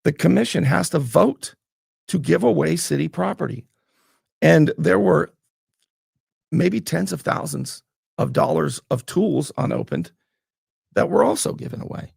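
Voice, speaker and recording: A man's voice: on the high side, lively intonation, unhurried, vocal fry, pauses often, darkish tone, breathy edge, dry recording, studio quality. A man hosting a talk show, getting fired up and blunt as he questions his guest. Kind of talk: heated political interview.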